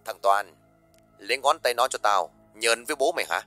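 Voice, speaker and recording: A man voicing a brutal male loan shark gangster who makes fast, low, growled threats. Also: flat delivery, pushed and bright, clean tone, faint music behind. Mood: menacing.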